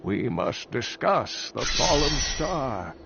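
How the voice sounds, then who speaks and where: An actor playing a kindly, anxious elderly scholar in a fantasy game, with an aged, creaky voice and an earnest, portentous manner. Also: male voice, mid-range voice, sing-song, slow pace, noisy background, heavily acted. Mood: grave, earnest. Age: older. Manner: earnest, portentous, swooping delivery. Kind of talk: fantasy video game acting. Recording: dull game audio with music behind.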